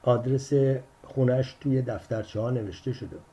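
A man's voice: medium pitch, dark tone, highs cut off, close to an everyday voice. A man voicing the protagonist's wife, firm and matter-of-fact, in an audiobook story.

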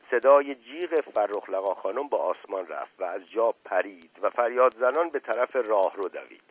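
A man narrating a novel as an audiobook, in a measured, expressive storytelling manner. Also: on the low side, slightly rough. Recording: tinny radio broadcast.

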